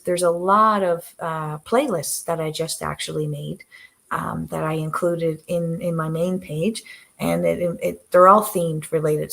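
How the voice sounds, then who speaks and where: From the living room sofa, a woman talks to her livestream viewers in a soft, gentle voice that sits a little low. She's a livestream host with her dogs, chatting casually, and she hesitates often, restarting phrases with many fillers as her voice tends to trail off.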